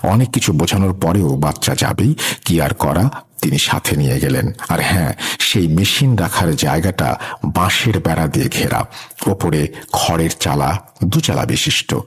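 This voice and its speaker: Deep, husky male horror storyteller. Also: expressive, moderate pace. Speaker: radio show host and storyteller. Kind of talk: scripted horror story narration.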